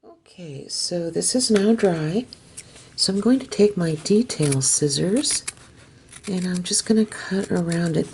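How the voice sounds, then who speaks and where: Woman, craft tutorial host; low, gravelly, mellow voice, slow delivery, faint hiss behind. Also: lively intonation. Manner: gentle, unhurried, dips into soft whispers while working. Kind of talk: step-by-step craft instruction.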